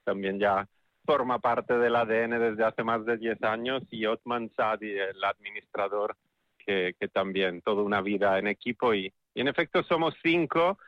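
A man's voice: medium pitch, no echo, muffled recording. A man from Italy with an Italian accent, speaking as a festival spokesperson in a radio interview, thoughtful and often repeating words as he searches for them.

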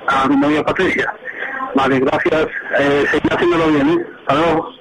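Man leaving a halting voicemail. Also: a little high, steady tone, very noisy. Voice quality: hesitant, brief and halting. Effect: voicemail message played back on air. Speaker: caller. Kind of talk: leaving a voicemail song dedication. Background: music.

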